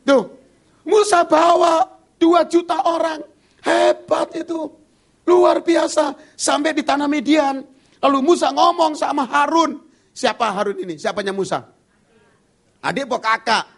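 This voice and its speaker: A male pastor preaching at a church service, telling humorous stories and acting out the dialogue in a lively way. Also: very high-pitched, measured pace, creaky. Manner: lively storyteller who acts out dialogue. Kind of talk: humorous sermon storytelling.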